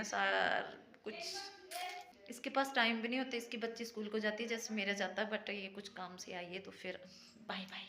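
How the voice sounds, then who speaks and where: A woman's voice: mid-range voice, bright, forceful tone, poor audio. Chatty woman. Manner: chatty, keeps saying "look" and "guys" to viewers. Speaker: family vlogger. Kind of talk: casual home vlog tour. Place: home garden on a foggy day, then indoors.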